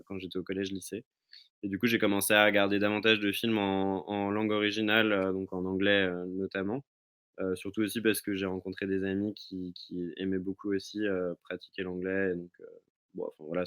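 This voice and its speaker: A low, fairly bright male voice belongs to a podcast guest telling personal stories in a relaxed way, frequently restarting and hunting for the right word. He is recording remotely from wherever he is.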